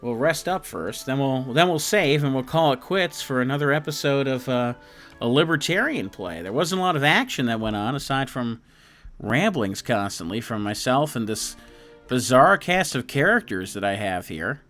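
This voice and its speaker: A man hosting a let's play, rambling casually through gameplay commentary in a quiet, easygoing way. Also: medium pitch, lively intonation, normal speed, soft background music.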